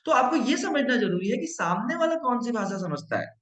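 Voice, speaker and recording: Middle aged guy teaching a class, high voice that jumps all over, echoey room. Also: very animated, a little fast, a bit bright. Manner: explanatory, mixes English into speech, demonstrates pronunciations. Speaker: trainer and consultant. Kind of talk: spoken training lesson.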